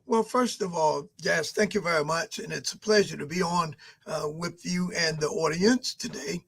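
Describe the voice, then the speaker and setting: A man in his sixties answering interview questions at a measured pace, with frequent pauses and fillers. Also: a little high, gravelly, fairly bright tone, breathy edge. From Albany, Georgia. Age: 60s. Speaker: mayoral candidate guest.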